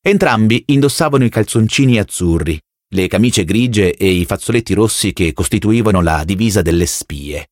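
A man narrates a novel in a low voice with measured, expressive storytelling. His pitch moves in a lively way, and the recording sounds close and dry with no room echo. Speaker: audiobook narrator. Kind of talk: scripted narration.

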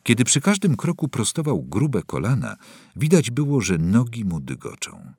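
A man reading a novel aloud as audiobook narrator, slow and dramatic. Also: medium pitch, wildly swooping pitch, a little mellow, breathy edge, dry recording, studio quality.

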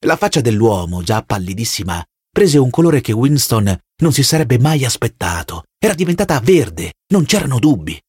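Man narrating with lively intonation. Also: medium pitch, normal speed, hardly any pauses, slightly rough, no echo, clean studio sound. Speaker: audiobook narrator. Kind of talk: scripted narration.

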